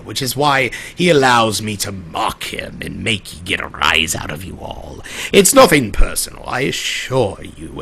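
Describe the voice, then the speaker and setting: In a live roleplay monologue to an audience, a man plays a centuries-old male trickster from a pony world. His gravelly, husky voice sits at medium pitch with a sharp tone, and his delivery is theatrical, flamboyant, rambling, and heavily acted.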